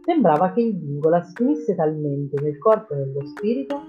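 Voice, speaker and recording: Woman narrating a storybook, lively delivery. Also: low voice, moderate pace, muffled recording, soft background music. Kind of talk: audiobook narration.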